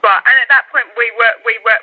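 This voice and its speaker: Working as a social worker, a man with a distinctly high, steady voice with a breathy edge handles a phone conversation. He explains things procedurally in halting phrases, and the line sounds dull and lo-fi.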